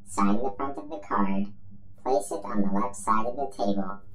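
A man's voice: fairly low pitch, normal speed, fairly bright tone, lightly acted. A man voicing a cheerful male robot magician who presents tricks with upbeat showman patter. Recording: roomy echo with faint music.

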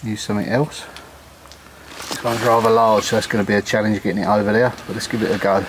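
A man's voice: on the low side, level tone, fast, background noise. A man, chatting to viewers as he renovates a stone cottage indoors and in a cold garden. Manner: cheerful, talks to viewers as he works. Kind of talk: casual chatty narration while working.

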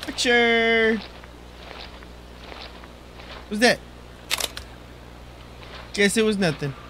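A man's voice: sits high, lively intonation, normal speed, a bit bright, slight background noise, poor audio. A young man giving goofy, jokey commentary while playing a horror game for his channel. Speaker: gaming channel host.

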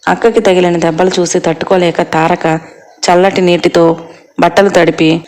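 A steady storyteller narrating a scripted tale. The voice sits in a middling register and stays very flat, with the pitch barely moving from line to line. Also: normal speed.

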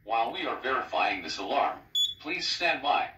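Man's calm announcement through a loudspeaker. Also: mid-range voice, muffled recording. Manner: calm, formal, measured announcing. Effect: played through fire alarm loudspeakers. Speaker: recorded emergency announcer. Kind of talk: prerecorded emergency evacuation message. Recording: echoey, distant loudspeaker with loud noise.

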